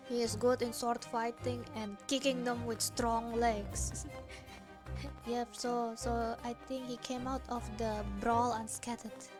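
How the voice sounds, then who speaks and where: A woman streamer giving casual, playful let's-play commentary, giggling often. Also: on the high side. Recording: music under the voice.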